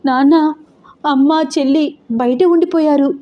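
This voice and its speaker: A woman's voice: high voice, normal speed, lo-fi sound, voice pushed up, close to an everyday voice. A woman voicing a frightened teenage elder sister who speaks with a trembling, shaky voice.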